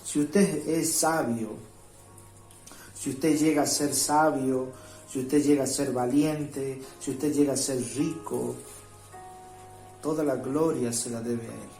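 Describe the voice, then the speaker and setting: A man's voice: medium pitch, steady tone, warm tone. A man preaching with an echo and faint music. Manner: reads scripture slowly, repeats "¿sí?" to listeners. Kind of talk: home devotional sermon.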